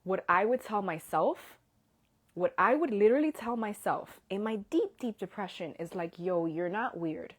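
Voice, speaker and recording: In her thirties, this woman hosts an Instagram Live with an earnest, heartfelt manner, her mid-range voice carrying lively intonation and a breathy edge at a normal pace. When she's moved, she drops to a whisper, holding back tears during this emotional, casual stream.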